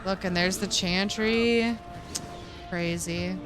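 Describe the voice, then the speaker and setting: A woman's voice: medium pitch, steady tone, slow pace, music in the background. A woman streaming a game with casual, slangy live commentary, often talking to the characters on screen.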